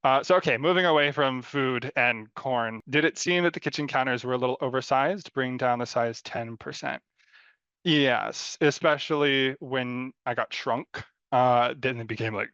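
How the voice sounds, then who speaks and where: A mentor gives friendly, unscripted design feedback during a live critique, rambling loosely with plenty of fillers and light self-deprecating humor. His gravelly voice is medium-pitched and a bit bright. The recording is dry, with no echo, and slightly dull and lo-fi.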